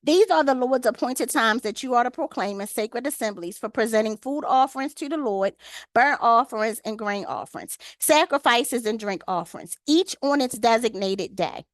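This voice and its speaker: High-voiced woman leading a Bible study. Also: expressive, moderate pace, no room sound. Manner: reads scripture aloud, then talks to the group by name. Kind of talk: online Bible study lesson. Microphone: video call.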